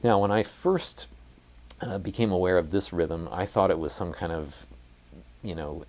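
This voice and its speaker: A man with an exceptionally deep, low voice gives a jazz guitar lesson. He explains rhythm methodically and counts beats aloud. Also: a little mellow. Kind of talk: instructional music lesson.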